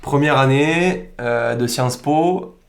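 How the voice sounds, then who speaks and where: A man from Provence with a Provençal accent, a podcast guest telling stories in an animated, informal, slangy way. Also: mid-range voice, slow pace, vocal fry. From Provence, southern France. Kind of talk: casual podcast conversation. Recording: roomy echo.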